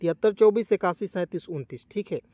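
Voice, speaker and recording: A man's voice: high-pitched, fairly quick, warm tone, no echo. A man teaching English spelling and pronunciation, spelling words letter by letter and asking viewers to repeat. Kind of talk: Hindi-language spelling lesson.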